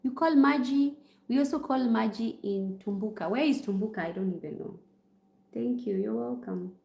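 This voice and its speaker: A woman's voice: a little high, normal speed, gravelly, dark tone. A Kenyan woman, a nurse, chatting on a livestream and answering viewer comments, slipping in Swahili phrases. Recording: roomy echo.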